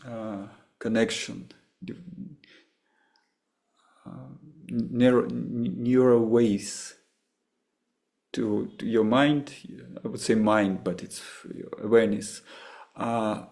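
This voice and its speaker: A man from Russia with a Russian accent, a meditation teacher answering questions after a session, halting and often restarting as he searches for words. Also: medium pitch, a little mellow.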